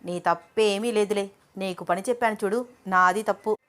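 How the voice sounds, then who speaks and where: A woman reading as calm young boss. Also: mid-range voice, normal speed, natural voice. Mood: firm. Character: young man Abhiram, calm boss, anxious inside.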